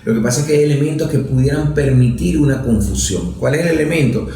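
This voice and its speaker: A Venezuelan-accented lawmaker, a guest in an interview, talks fast in a mid-range, dark-toned voice. He explains his ideas analytically, like a professor, using everyday examples, and the room is very echoey.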